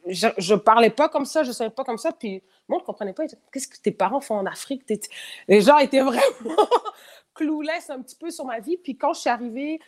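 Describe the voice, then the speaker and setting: A woman in her thirties speaks in a high, animated, fairly quick voice with a darkish tone, her Quebec French accent carrying a slight France-French tinge. She's a guest in a casual interview, talking candidly with lots of fillers, repetitions and restarts, and she laughs often.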